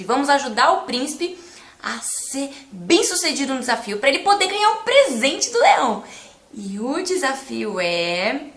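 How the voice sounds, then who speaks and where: Animated children's storyteller, woman, high lively voice, echoey room. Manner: animated, coaxing the audience to join in. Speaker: storyteller teacher.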